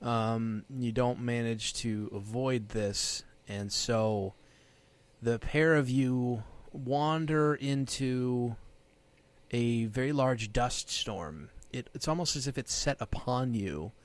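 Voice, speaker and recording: A man narrating a tabletop game as game master, describing scenes in an unhurried, halting way with many pauses. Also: medium pitch.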